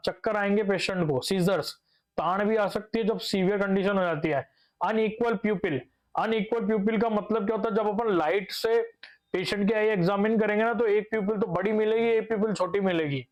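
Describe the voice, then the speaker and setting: A young man teaching a nursing class, asking his own questions and answering them, repeating key terms and mixing in English medical words. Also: sits high. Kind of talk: classroom lecture.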